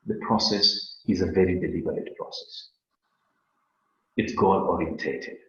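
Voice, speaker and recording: A man's voice: low-pitched, measured pace, fairly bright tone. A man from Kenya with a Kenyan accent, giving an earnest webinar lesson and often repeating words as he searches for them. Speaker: webinar teacher. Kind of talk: lecture on a webinar. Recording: very echoey, dull lo-fi webinar audio.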